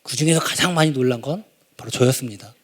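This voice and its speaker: A man in his thirties preaching a sermon and telling a story from his own family. He is animated and moves from quiet asides to loud exclamations. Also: medium pitch, fast. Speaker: pastor. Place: church sanctuary.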